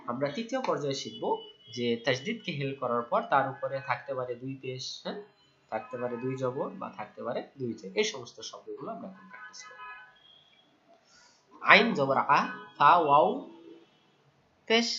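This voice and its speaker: A man's voice: on the high side, pushed and bright, dull audio. A man teaching Quran pronunciation syllable by syllable, asking listeners to repeat after him and praising their answers. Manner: repeats syllables slowly, praises often, stretches Arabic sounds. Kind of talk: call-and-response pronunciation lesson.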